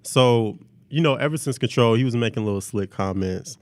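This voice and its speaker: A man's voice: medium pitch, normal speed, no echo. A man hosting a podcast, chatting casually with friends. His talk is playful and slangy, with a hammy storytelling streak. The sound is dry and close, with no room around it. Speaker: podcast host. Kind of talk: casual chat.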